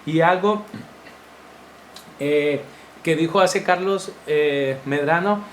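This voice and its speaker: Animated Mexican man teaching the Bible. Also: a little high, takes it slowly. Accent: Mexican Spanish. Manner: animated, acts out voices of wives and husbands. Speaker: church teacher. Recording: echoey room with faint noise.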